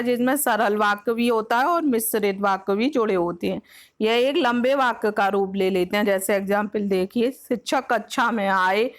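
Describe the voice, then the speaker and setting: A woman teacher with a Hindi accent from Uttar Pradesh, explaining grammar for an exam-prep lesson, patiently repeating each point and slipping English words into her Hindi. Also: a little high. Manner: mixes English words like next and example into Hindi.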